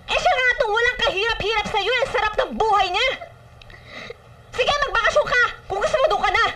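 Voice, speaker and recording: An actress playing a proud, sharp-tongued single mother in a film drama, scolding and bitter. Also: very high-pitched, lively intonation, brisk, far from the mic, a little hiss or hum, exaggerated voice.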